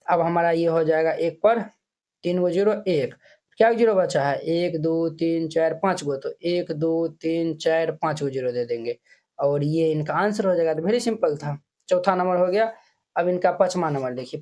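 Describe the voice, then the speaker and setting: A man's voice: a little high, a little mellow. A male math teacher talks through textbook exercises, counting digits aloud one by one and checking that students follow. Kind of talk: classroom math tutorial.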